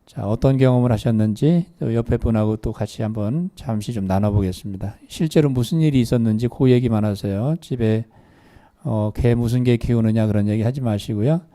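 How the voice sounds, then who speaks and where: In a meditation hall, a man with a mid-range, warm voice lectures a live meditation class at a brisk clip. He poses questions to the audience and guides them through exercises.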